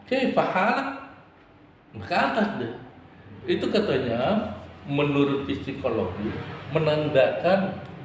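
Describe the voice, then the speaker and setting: A man preacher giving a religious study lecture, playful and lively, sometimes acting out quarrelsome vendors. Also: fairly high pitch, a little hiss or hum. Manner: lively rising and falling intonation. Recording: very echoey hall.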